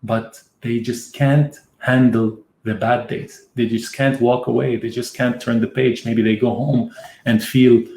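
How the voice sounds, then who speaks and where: A man's voice: mid-range voice, flat delivery, measured pace, mellow, a little hiss or hum. A middle-aged man hosting a trading webinar, teaching conversationally and explaining through stories. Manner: storytelling, explains with anecdotes. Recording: roomy echo.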